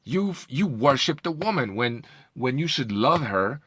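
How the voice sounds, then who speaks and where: A man's voice: medium pitch, big pitch swings, measured pace, fairly bright tone, slightly rough, no room sound, clean studio sound. A man giving a heated, profane rant as a video commentator, often stumbling over repeated words. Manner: heated, profane, repetitive ranting with stammered restarts. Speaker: commentary vlogger.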